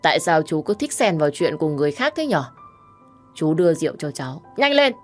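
A woman acting out a tipsy, stubborn young woman who whines and begs. Her voice pitches up and pushes louder when she insists. Soft music plays underneath. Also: sing-song, fast talker. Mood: drunk, petulant. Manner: whiny, insistent, pleading. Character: drunk tearful young woman, stubborn and clingy.

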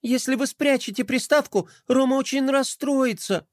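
A man's voice: very high voice, normal speed, dry recording, studio quality, pitched above the performer's own voice. A man doing a sweet little toy princess. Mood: pleading. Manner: sweet, pleading, a bit snooty.

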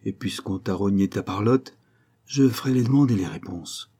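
Male reader as a cunning young dandy, cool and commanding, husky dark low voice. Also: normal speed.

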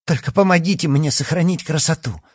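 A man's voice: fairly high pitch, brisk, husky, no echo, studio quality, voice pushed up. A man putting on a desperate teenage girl. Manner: pleading, desperate. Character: frightened vain teenage girl. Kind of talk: audiobook character voice.

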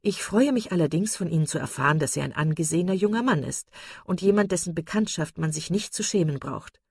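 A woman reading the part of a calm, good-humored middle-aged mother. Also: lowish voice, a little fast, creaky, slightly rough, no echo, clean studio sound. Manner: calm, courteous.

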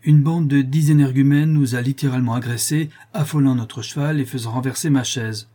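A man voicing an angry, commanding deputy mayor under forty who speaks forcefully and indignantly. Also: medium pitch, a little fast, breathy edge, voice pushed up, close to an everyday voice. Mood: indignant, loud.

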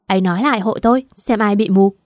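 A woman's voice: mid-range voice, quick pace, darkish tone, no room sound, studio quality, lightly acted. A woman voicing a cold, proud young wife. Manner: cold, cutting.

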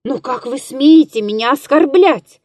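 A woman's voice: sits high, expressive, a little slow, a little mellow, no echo, clean studio sound, pitched above the performer's own voice. A woman voicing an offended, self-pitying man who speaks in an indignant, bitter tone. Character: offended, self-pitying middle-aged male landlord.

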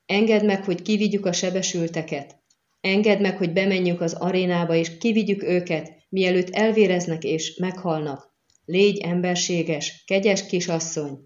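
A man's voice: sits high, fairly even intonation, lo-fi sound, lightly acted. A woman doing a desperate pleading man. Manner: urgent, pleading. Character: desperate man pleading for his wounded comrades.

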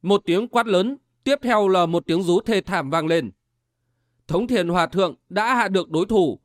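A man narrating a martial-arts novel in a steady, dramatic storytelling manner. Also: high voice, normal speed, no room sound, clean studio sound. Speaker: audiobook narrator.

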